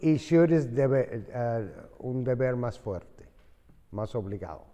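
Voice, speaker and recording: Male teacher, unhurried and patient, mellow voice, classroom echo. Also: mid-range voice, expressive, highs cut off. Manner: slow, patient explaining, switching between Spanish and English. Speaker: English teacher. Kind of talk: classroom lesson in Spanish and English.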